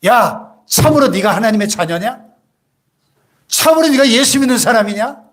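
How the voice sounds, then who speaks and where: Man voicing a sneering devil, high-pitched, jeering questions, accusing. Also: animated, moderate pace, a bit bright. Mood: taunting.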